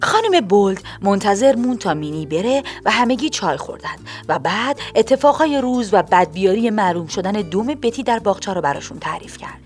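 Woman narrator, children's audiobook, expressive, lively pitch, light music behind. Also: hardly any pauses. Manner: expressive, playful storytelling.

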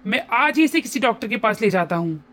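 A woman voicing an angry, frustrated middle-aged father who shouts and scolds his wife and daughter in a horror story. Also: very high-pitched, expressive, brisk. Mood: angry shouting.

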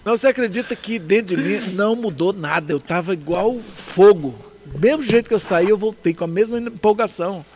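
A man's voice: high voice, fairly quick, hardly any pauses, a crowd in the background. A man with a Brazilian Portuguese accent, casually telling his story as a guest, laughing often and acting out what people said. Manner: laughs often, acts out dialogue.

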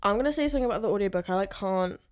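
A woman's voice: medium pitch, expressive, rapid-fire. Chatty young woman, podcast co-host. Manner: chatty, laughs easily, lots of "like" fillers. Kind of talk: casual chat.

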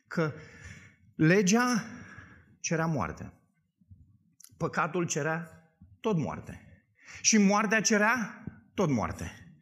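Emphatic high-voiced man preaching. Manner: emphatic, asks the congregation questions. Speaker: pastor. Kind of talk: sermon.

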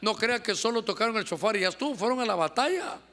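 A man preaches with fervor, his voice pitched high and edged with a gravelly crackle. He exhorts the congregation and slips into quick impersonations of church members. His words ring out with the long reverb of a church hall. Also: animated, pushed and bright. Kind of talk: sermon.

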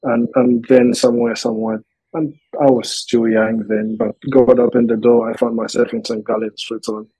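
A man from Malawi, a podcast guest telling his story in an earnest, measured way, often restarting his sentences. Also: medium pitch, flat delivery, dark tone, husky, no room sound, rough recording. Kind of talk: interview conversation.

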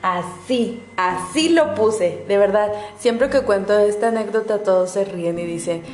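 Young Mexican woman, vlogger, warm mellow voice, swears freely and talks straight to camera, in a roomy room. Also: mid-range voice, a little slow, a little hiss or hum. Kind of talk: casual monologue to the viewer. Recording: roomy echo.

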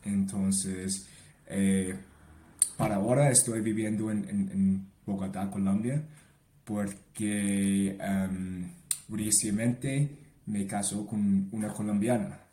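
Male podcast guest, native English speaker, Canadian accent in hesitant Spanish, low-pitched, unhurried, casual answers with slips. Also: little pitch movement, warm tone, reverberant. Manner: halting, non-native Spanish with grammar slips.

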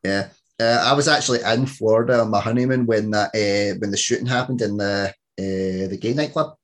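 This Scottish podcast host, a man in his thirties, tells rambling stories in a casual interview chat, restarting often. He speaks fairly quickly in a voice on the low side.

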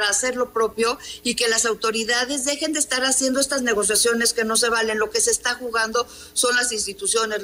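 Emphatic Mexican woman, bright voice. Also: a little high, slight background noise. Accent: Mexican Spanish. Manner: emphatic and combative, rhetorical questions. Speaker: newspaper columnist, interview guest. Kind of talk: remote interview answers.

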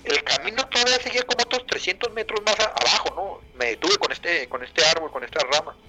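A man's voice: high-pitched, lively intonation, fast, music in the background, low-quality recording. A middle-aged Mexican man casually telling a dramatic story, vivid and peppered with swearing and restarts.

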